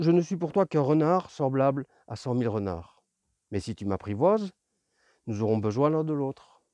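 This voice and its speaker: A man's voice: medium pitch, dark tone, no echo, close to an everyday voice. A man voicing a wistful lonely fox. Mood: earnest. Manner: earnest, pleading, explains slowly.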